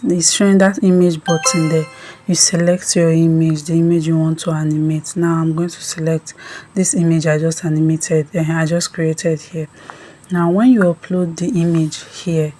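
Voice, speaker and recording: A woman's voice: sits low, mellow. A woman hosting an app tutorial, explaining step by step with frequent ums. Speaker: tutorial host. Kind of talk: screen-recorded app tutorial.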